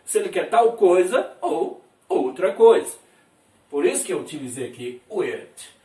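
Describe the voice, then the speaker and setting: A Brazilian man gives an English lesson on vocabulary in a warm, high, sing-song voice at a moderate pace. He repeats each phrase and keeps checking with his students. Echo fills the room, and the mic is placed far off.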